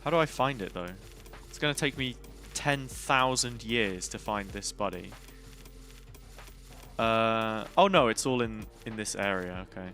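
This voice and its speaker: Chatty British streamer over faint music. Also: male voice, fairly low pitch, unhurried, a bit bright. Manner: chatty, easily sidetracked, talks over the broadcast. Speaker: watch party streamer. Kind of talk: casual live stream commentary.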